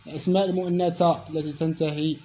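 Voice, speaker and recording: A Moroccan man teaching a French grammar lesson, explaining slowly and repeating each word. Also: a little high, flat delivery, mellow, a little hiss or hum. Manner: slow, repetitive explanation, reading French aloud.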